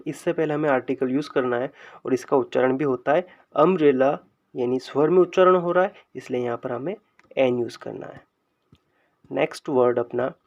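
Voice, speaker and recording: A man teaching English grammar in speech, explaining slowly and drawing out example sentences word by word. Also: mid-range voice. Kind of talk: explaining a lesson.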